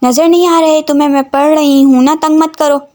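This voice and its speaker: A woman voicing a studious young female student in a homemade audio story, snapping and scolding. The voice is high and bright. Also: steady tone, fairly quick, close to an everyday voice. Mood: irritated. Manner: scolding and irritable.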